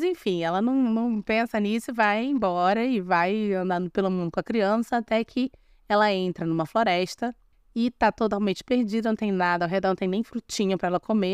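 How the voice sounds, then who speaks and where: A woman's voice: medium pitch, a little fast, clear, resonant tone, dry recording, studio quality. A young woman with a Brazilian Portuguese accent hosting a podcast, retelling a fairy tale casually with sarcastic asides and frequent restarts. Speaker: podcast host. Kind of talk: casual storytelling with commentary.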